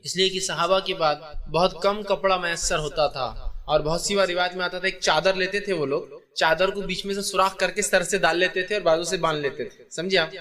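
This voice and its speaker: A man's voice: fairly high pitch, sharp tone. A man giving a religious lecture, explaining step by step and asking his listeners rhetorical questions. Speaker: Islamic teacher.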